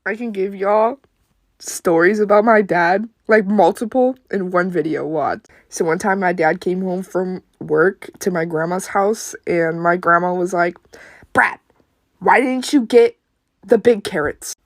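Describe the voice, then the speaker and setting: A woman's voice: on the low side, steady tone, unhurried, no room sound, clean studio sound. A woman chatting to camera, telling a story about her father.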